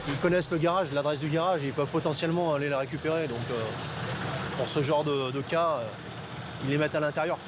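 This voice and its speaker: A man's voice: fairly high pitch, fairly even intonation, quick pace. A man with a French accent from France, speaking as a firm, insistent police officer who repeats himself, outdoors. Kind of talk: firm street exchanges and explanations. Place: outdoors on a street. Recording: noisy outdoor traffic sound.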